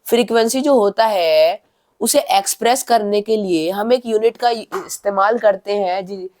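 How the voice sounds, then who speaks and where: A high-pitched male tutor teaches a science lesson, posing rhetorical questions and answering them himself. He repeats phrases, reads English definitions slowly word by word, and lets sentences fall quietly at the end, demonstrating by speaking louder and softer.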